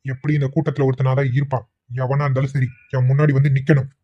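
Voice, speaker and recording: A man voicing a cartoon husband and village head, with flat, anxious muttering. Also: mid-range voice, fast talker. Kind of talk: cartoon voice acting. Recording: dull lo-fi audio.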